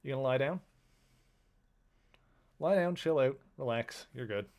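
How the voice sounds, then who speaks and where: A man's voice: medium pitch, lively intonation, unhurried, a little mellow. A man streaming a video game, chatting casually in a rambling way and cooing affectionately to his pets. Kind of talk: casual chat while live streaming.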